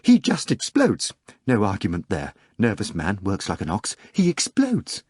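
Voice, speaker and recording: A man gives a full character voice to a young female secretary in an audiobook, sounding like a woman with a darkish, husky tone and big pitch swings, taking it slowly. She is crying and agitated, wailing shrilly, frantically and breathlessly, a bit nasal from the tears. Clean, dry studio sound.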